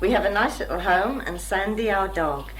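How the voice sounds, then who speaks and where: A woman's voice: mid-range voice, lively intonation, a bit bright, low-quality recording. A young woman reading out a prepared, friendly message to relatives. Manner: scripted, chirpy wording, few pauses. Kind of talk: read-out spoken letter to relatives.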